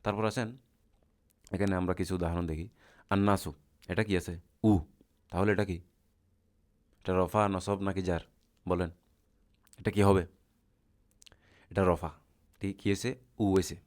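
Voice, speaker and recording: A man's voice: low voice, fairly even intonation, unhurried, pauses often. A man teaching Arabic grammar in a lecture, asking the class questions and answering them himself in a patient, repetitive way.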